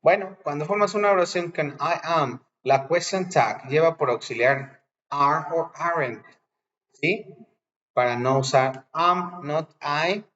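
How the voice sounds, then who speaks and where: A man's voice: fairly high pitch, a bit bright. Bilingual man teaching English grammar. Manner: explains patiently, switches between Spanish and English examples. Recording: dull lo-fi recording.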